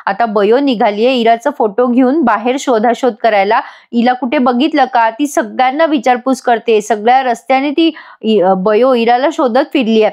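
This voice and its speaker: A woman's voice: on the high side, moderate pace, few pauses, a little mellow. A woman giving a voice-over recap of a TV serial episode, chatty and emphatic, addressing viewers directly. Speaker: TV serial reviewer.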